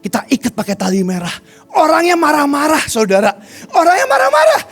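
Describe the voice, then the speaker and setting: A man preaching a sermon, telling a personal story and often calling his listeners "brothers and sisters", dropping to a hush and then rising to shouts. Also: extremely high pitch, expressive, fairly quick, slightly rough, soft background music. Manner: storytelling, addresses listeners as "saudara", swings from hushed to shouting. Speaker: evangelist preacher.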